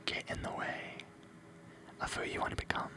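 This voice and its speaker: An ASMR host keeps up a moderate pace while whispering words of encouragement, the voice airy and unvoiced, with motivational phrases repeated over and over.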